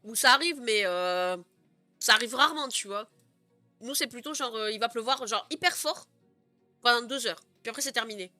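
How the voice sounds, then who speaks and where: A woman's voice: fairly high pitch, normal speed, pushed and bright, no room sound, faint music behind. A young woman streamer chatting casually with her viewers, giggling often and filling her talk with "euh" and "genre". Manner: chatty, giggly, many fillers. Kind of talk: casual live stream chat.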